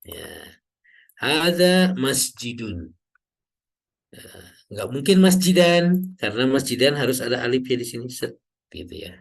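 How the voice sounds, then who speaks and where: A man teaching Arabic grammar in an online class, explaining slowly and drawing out example words, often checking in with "ya". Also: mid-range voice, lively intonation. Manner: slow, drawn-out teacher's explanation with frequent "ya" checks.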